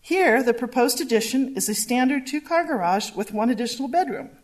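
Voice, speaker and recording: A woman staff planner presenting a zoning variance report at a public hearing, measured and reading from slides. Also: fairly high pitch, expressive.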